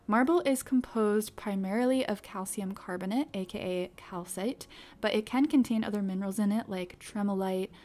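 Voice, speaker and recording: A woman hosting a geology video, giving clear, upbeat scripted science narration. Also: mid-range voice, normal speed, mellow. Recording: background music under voice-over. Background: background music.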